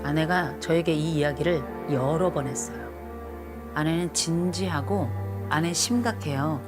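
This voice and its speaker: Middle-aged woman, marriage counselor, low voice, stern lecturing tone, faint music behind. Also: unhurried. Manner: stern, lecturing, repeats commands. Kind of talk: blunt counseling session on TV.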